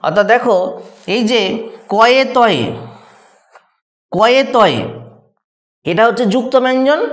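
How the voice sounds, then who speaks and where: A man's voice: high voice, fairly bright tone. A male teacher giving a grammar lesson, patiently repeating examples and asking rhetorical questions. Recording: echoey room.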